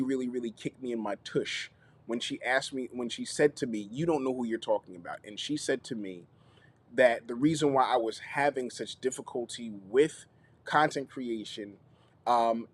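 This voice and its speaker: A man hosting a live teaching stream on content creation, lively, repeating himself and checking in with viewers. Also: mid-range voice, normal speed. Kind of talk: YouTube live teaching session.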